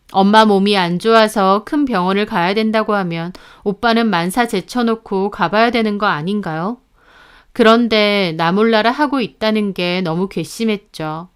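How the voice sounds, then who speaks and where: A woman narrating a first-person story in an even, earnest manner. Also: medium pitch, smooth.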